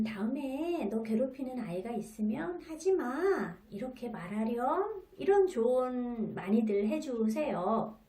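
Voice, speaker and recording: A woman hosting a parenting talk and explaining calmly, sometimes dropping to a hush. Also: fairly high pitch. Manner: calm, explanatory, sometimes hushed. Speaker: parenting expert host. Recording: roomy, from a distance.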